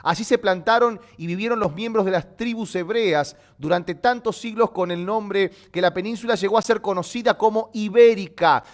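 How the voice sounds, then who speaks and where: A man hosting a live online Bible lesson. He explains step by step and keeps checking that listeners follow. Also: high voice. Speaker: host and Bible teacher.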